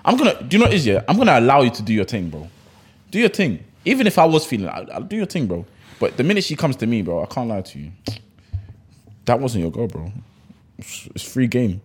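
A man's voice: mid-range voice, big pitch swings, fast talker, slightly rough. A man in his twenties with a London roadman accent, arguing emphatically and slangily in casual banter with friends. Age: 20s. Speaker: podcast co-host.

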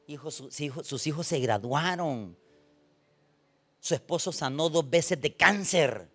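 Animated man preaching. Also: on the high side, measured pace, soft background music. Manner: animated storytelling, acting out quoted voices, swings from soft to loud. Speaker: pastor. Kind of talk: sermon.

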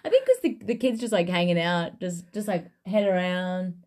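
A woman's voice: fairly low pitch, expressive, moderate pace, darkish tone. A woman co-hosting a casual, joking chat. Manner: informal, joking. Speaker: podcast co-host.

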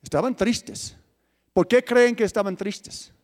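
Man, pastor, very high-pitched, sermon, rhetorical questions, loud and soft swings. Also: unhurried. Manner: lively preaching with rhetorical questions, swings between loud emphasis and soft asides.

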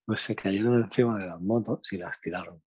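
Young spanish guy, low husky voice, slangy animated storytelling, dry sound. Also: a little fast, dry recording. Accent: Spain Spanish. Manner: animated anecdote, slangy, chuckling. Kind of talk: casual chat.

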